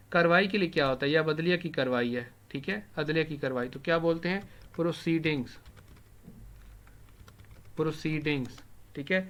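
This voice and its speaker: In this recorded lesson, a man, a native Urdu speaker, teaches English vocabulary with a slightly high, fairly bright voice. He types the key words and repeats them slowly, with clicking keys in the background.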